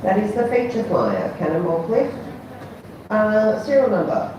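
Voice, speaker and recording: A woman's voice: medium pitch, very animated, measured pace. A woman working as a bingo caller, announcing numbers in a formulaic chant, digit by digit and then as a whole. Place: large echoey bingo venue. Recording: echoey hall, distant mic, faint noise.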